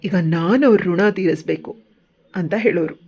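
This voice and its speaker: A woman's voice: fairly low pitch, moderate pace, darkish tone. A woman telling a dramatic first-person story in a scripted, earnest narration.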